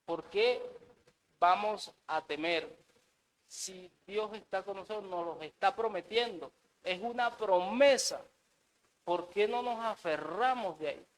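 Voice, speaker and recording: A man's voice: sits high, slow, rough recording. A married man preaching a sermon in an earnest way, often repeating words and saying amen. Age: adult, married.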